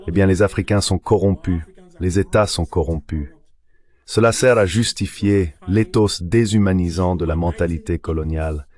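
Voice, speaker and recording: A man with a very deep voice speaks as a university professor being interviewed. He lays out his argument step by step, like a lecture, and keeps stopping to give examples. He is from Nigeria. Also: a little mellow. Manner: explanatory, lecturing, builds points with examples. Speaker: professor and guest. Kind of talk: interview answer in a dubbed translation.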